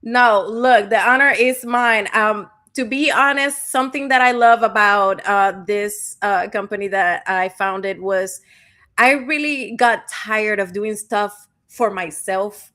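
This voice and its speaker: A woman's voice: mid-range voice, steady tone, slow, fairly bright tone. A woman hosting an online interview show over a video call, upbeat and effusive with praise. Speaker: host and company founder.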